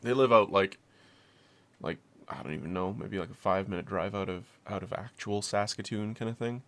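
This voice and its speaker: A man's voice: fairly low pitch, brisk. A young man co-hosting a podcast, telling a rambling, swearing anecdote in casual chat. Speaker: podcast co-host.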